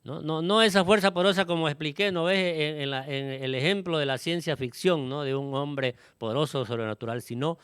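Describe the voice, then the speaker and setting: Man, preacher, sermon, smooth resonant voice, somewhat high pitch, frequent questioning tags, dry close sound. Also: fairly quick, hardly any pauses, fairly bright tone, no echo. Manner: tags phrases with a questioning "¿no?" and "este" fillers.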